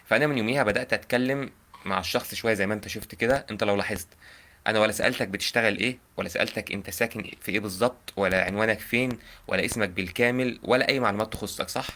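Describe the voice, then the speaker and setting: A man's voice: lowish voice, very fast, sharp tone. A young man with an Egyptian accent giving earnest, informal advice on a live call. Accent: Egyptian Arabic. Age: young adult. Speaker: prank caller giving advice.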